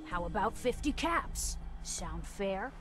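Over music, an actress voices a young scavenger woman in a video game who is brisk, businesslike, matter-of-fact and streetwise. Her mid-range voice is expressive.

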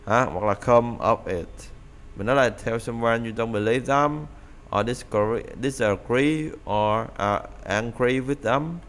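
A man's voice: medium pitch, a little slow, a bit bright, slight background noise. A man teaching English phrasal verbs in a casual lesson, explaining in Vietnamese and often repeating the phrases aloud.

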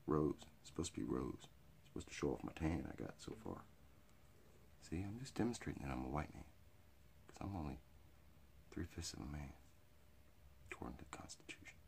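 A middle-aged American man with a hick drawl and a gravelly, raspy voice, rambling through off-the-cuff comedy to camera in a crude, rowdy redneck manner. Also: a bass voice, lively intonation, a little fast, long pauses, a little mellow, a little hiss or hum. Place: small cluttered indoor storage room or workshop. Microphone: phone or webcam at arm's length.

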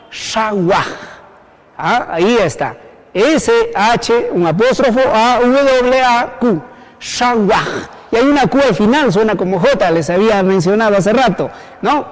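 A man from Cajamarca with a Peruvian accent, teaching Quechua pronunciation slowly and patiently, repeating each word for learners. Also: high-pitched, in a large hall. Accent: Cajamarca Peruvian Spanish. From Cajamarca, Peru. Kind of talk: slow pronunciation lesson.

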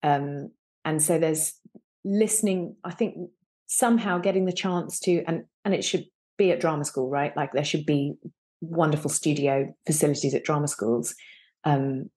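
Her voice is deep and darkish in tone. The thirty-something actor, a guest on a video-call interview from an indoor room, reflects earnestly as she talks.

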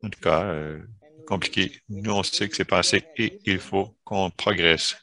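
A man giving live voice-over interpretation of a panel discussion, halting at times and correcting himself. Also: sits low, pushed and bright. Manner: halting, with self-corrections and fillers.

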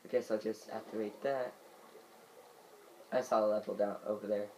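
A man's voice: fairly low pitch, steady tone, normal speed, darkish tone, slight background noise, poor audio. A man giving let's play commentary, muttering to himself while he plays. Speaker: gamer.

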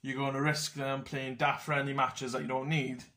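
A man's voice: medium pitch, level tone, normal speed, sharp tone. A young man ranting casually about football selections, blunt and sweary. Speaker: football fan vlogger.

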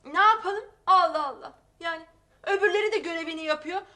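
A middle-aged actress playing a loud, gossipy, cold-hearted working-class mother in a sitcom, exclaiming and scolding, full of folksy sayings. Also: extremely high pitch, quick pace. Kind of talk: sitcom acting.

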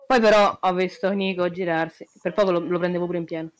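A man on racing team voice chat, overjoyed, shouting and repeating himself. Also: high-pitched, steady tone, fast. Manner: overjoyed, shouting, then breathless and quiet. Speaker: teammate. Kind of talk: excited voice chat after a race.

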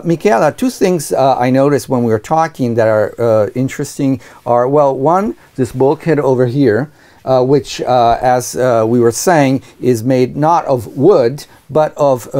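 Mellow-voiced man hosting a boat tour. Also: medium pitch. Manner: conversational, prompts and completes the guest's sentences. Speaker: sailing show host. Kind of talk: boat review interview. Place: aboard a sailboat, inside the cabin.

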